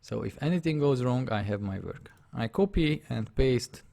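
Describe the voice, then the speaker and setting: Speaking at a normal pace, this man has a medium-pitched, expressive voice that is creaky and warm, plus a Hungarian accent from his native language. He talks viewers through a live drawing, describing each step on screen and regularly making sure they keep up.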